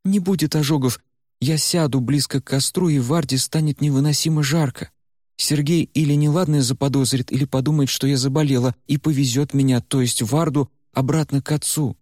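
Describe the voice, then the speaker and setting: A man's voice: medium pitch, steady tone, a little fast, darkish tone, no echo, clean studio sound, voice pushed up, lightly acted. A man doing a frantic young woman in an old body. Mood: scheming. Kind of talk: audiobook character voice.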